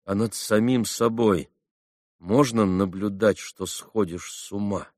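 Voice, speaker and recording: A man's voice: lowish voice, steady tone, slow, darkish tone, no room sound, studio quality. A man reading an audiobook, voicing an irritable, brooding young man who speaks curtly. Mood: hushed. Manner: curt, irritable.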